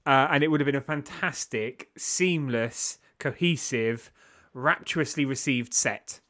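Guy gushing about an album, bright tone, casual podcast chat. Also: mid-range voice, a little slow. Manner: enthusiastic, gushing. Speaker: podcast co-host. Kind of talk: casual music review chat.

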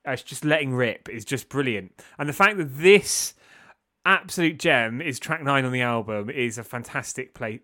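A man's voice: mid-range voice, pushed and bright. A man co-hosting a podcast, talking enthusiastically about an album in a casual chat. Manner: enthusiastic, gushing. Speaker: podcast co-host. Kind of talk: casual music review chat.

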